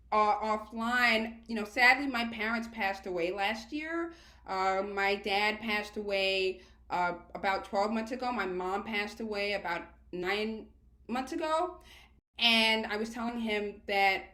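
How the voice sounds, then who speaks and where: A woman's voice: mid-range voice, a little slow, pushed and bright. A woman, talking casually and chattily as a guest in an interview. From Queens, New York, United States. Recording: roomy, echoey sound.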